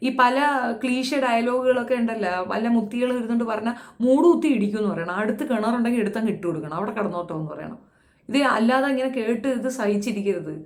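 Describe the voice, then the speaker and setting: A woman's voice: on the high side, reverberant. A woman giving a blunt, impassioned commentary, scolding and firing rhetorical questions at young women. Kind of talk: impassioned social commentary monologue.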